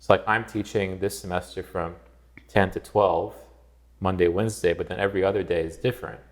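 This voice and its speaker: Deep-voiced man hosting casually. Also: fairly even intonation, fast talker. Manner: casual, many "like" fillers. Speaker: host, composer. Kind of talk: casual interview conversation.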